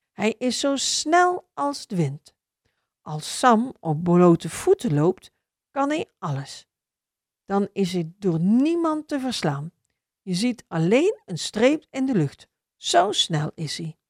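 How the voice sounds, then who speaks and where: A woman reading a children's story aloud in a slow, expressive storybook manner. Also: mid-range voice, no room sound, studio quality.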